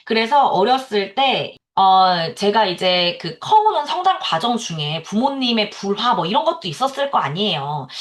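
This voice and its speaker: Lively, candid woman sharing a personal story. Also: fairly high pitch. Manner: candid, animated, laughs often. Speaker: lecturer for beauty salon owners. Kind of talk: personal story in an online lecture.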